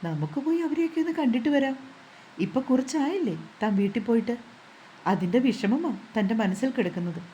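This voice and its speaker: A calm young husband talks to his wife in a soothing, reassuring tone. His voice sits a little high and mellow, as a woman storyteller reads his part. There is a faint hiss under it. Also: a little fast, natural voice, poor audio.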